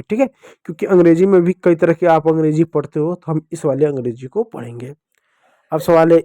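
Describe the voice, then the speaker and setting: A man's voice: a little high, mellow, dry recording, clean studio sound. A man teaching children English reading, explaining step by step and often asking them questions. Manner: repetitive questioning, addresses children directly. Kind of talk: explanatory classroom lesson.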